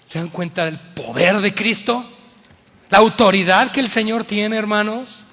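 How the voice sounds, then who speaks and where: A male pastor with a Mexican accent preaches an impassioned sermon, moving between loud appeals and hushed words. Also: sits high, measured pace, in a large hall.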